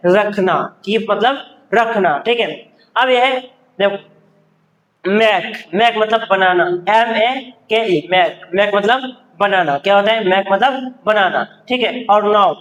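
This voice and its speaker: A man with a high voice teaches vocabulary, repeating every word several times and checking the class with quick questions. The sound carries a long reverb, as if he is recorded in a large hall. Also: fairly bright tone, highs cut off. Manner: repetitive, drills words and asks the class questions. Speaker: English teacher. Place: standing at a board in a classroom.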